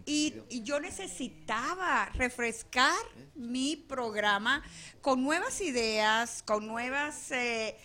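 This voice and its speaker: A woman's voice: high-pitched, slow, pushed and bright. A woman from Venezuela hosting a radio talk show in a studio, chatting loosely with many restarts. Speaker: radio host. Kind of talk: casual studio chat.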